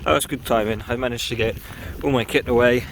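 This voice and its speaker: Gravelly-voiced man vlogging outdoors. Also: mid-range voice, fast, noisy background. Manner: relaxed, chatty, lots of ums. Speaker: wild camping vlogger. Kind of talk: casual outdoor vlog narration. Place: outdoors on a windy hillside.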